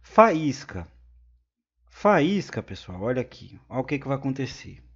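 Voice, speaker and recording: A man's voice: mid-range voice, quick pace, gravelly, a little mellow, husky. Brazilian male tutor, exam-prep lesson, repeats points, keeps asking "right?", muffled lo-fi audio. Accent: Brazilian Portuguese. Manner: repeats points, frequent "né?" checks with viewers. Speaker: teacher. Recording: slightly dull lo-fi sound.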